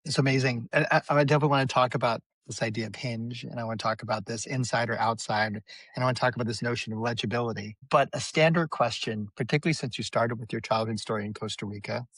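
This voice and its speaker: A man's voice: mid-range voice, steady tone, quick pace, a bit bright, breathy edge, dry recording, low-quality recording. A man hosts a conversational podcast in a mid-range voice. He asks wandering, joking questions and restarts his phrasing often. The recording is dry and close. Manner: rambling, playful questions with restarts. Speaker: podcast host. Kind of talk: casual interview questions.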